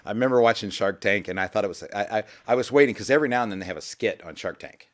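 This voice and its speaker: Deep-voiced folksy radio host. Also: male voice, rapid-fire. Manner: rambling, repeats words, folksy. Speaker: financial radio show host. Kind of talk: casual radio talk with sales pitch. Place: radio studio.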